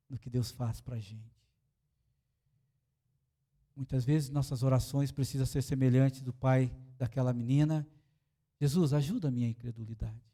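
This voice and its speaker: A man's voice: mid-range voice, mellow. A Brazilian man preaching as a pastor in a church, telling a story and acting out the dialogue. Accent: Brazilian Portuguese. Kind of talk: sermon with storytelling.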